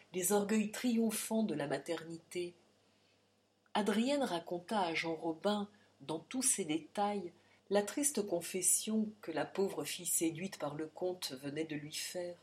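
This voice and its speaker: A woman reading a novel aloud in measured, theatrical storytelling narration. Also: on the low side, darkish tone. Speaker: audiobook narrator. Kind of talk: scripted dramatic narration.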